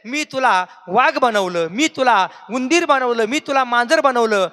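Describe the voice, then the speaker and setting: A man's voice: very high voice, expressive, unhurried, exaggerated voice. A man doing a stern old holy man. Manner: gentle, then stern. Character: kindly old male holy man, patient. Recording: echoey hall reverb.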